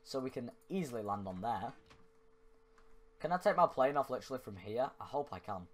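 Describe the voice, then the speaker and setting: Chatty young gaming YouTuber. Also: male voice, mid-range voice, animated, a little fast. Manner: chatty, yelps and laughs at mishaps. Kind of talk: casual gameplay commentary. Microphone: desk microphone spoken into closely.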